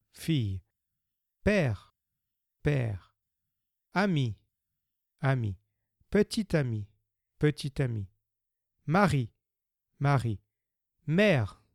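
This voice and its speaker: Male phrase-drill teacher, deliberate, very slow, medium pitch. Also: a little mellow, dry recording, clean studio sound. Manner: slow, deliberate, careful pronunciation. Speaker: language teacher.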